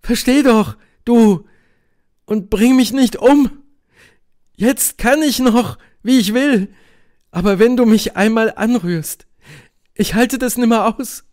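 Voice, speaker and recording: A man's voice: high-pitched, a little slow, a little mellow, pitched above the performer's own voice. A man reading an audiobook, voicing a troubled young woman who is bound by duty, pleading and tense. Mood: anguished.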